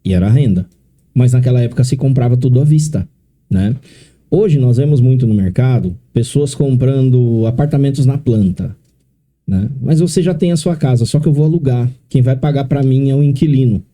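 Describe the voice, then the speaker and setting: A man's voice: medium pitch, brisk, warm tone. A middle-aged man from São Paulo with a São Paulo accent, explaining things step by step in a podcast interview. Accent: São Paulo Portuguese. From São Paulo, Brazil. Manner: explains step by step, often adding tag questions. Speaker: consórcio specialist guest.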